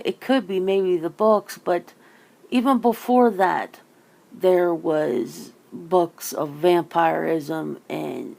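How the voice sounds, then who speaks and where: An ASMR channel host chats with a guest in a casual, rambling way, musing informally. Her voice sits on the low side, creaky with a darkish tone.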